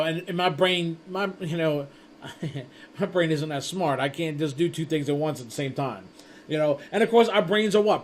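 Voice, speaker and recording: A man with a fairly high voice talks through the intro to his networking course. He rambles casually, restarting and tripping over words as he goes, and acts out little conversations as he tells a story. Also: a little hiss or hum. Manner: rambling with frequent restarts and stumbles; chatty storytelling with acted-out quotes. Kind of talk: casual spoken lecture.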